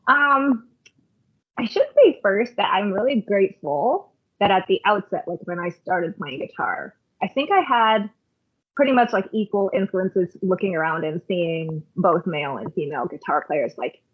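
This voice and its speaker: A woman from Canada, guesting on a podcast as a worship leader, recounts stories in a relaxed, thoughtful manner with many "um"s and "like"s. Her mid-range voice is expressive at normal speed, heard over what sounds like a phone line.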